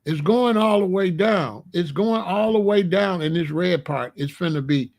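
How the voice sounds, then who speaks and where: High-pitched American man, emphatic and colloquial. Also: moderate pace, creaky, a little mellow. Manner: colloquial, emphatic, repeats phrases for stress. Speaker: online video host. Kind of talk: casual livestream chat warning viewers about weather.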